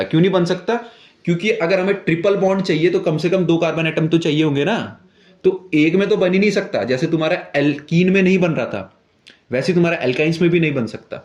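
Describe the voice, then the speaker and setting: A young male chemistry teacher gives a classroom lesson in a fairly high voice. He puts questions to his students and answers them himself, checking in again and again. The sound bounces around an echoey room. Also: a little mellow.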